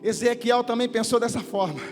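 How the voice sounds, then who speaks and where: A man's voice: very high voice, brisk, in a large hall, faint music behind. A male pastor preaching a sermon in a church, fervent and repeating his phrases with cries of praise.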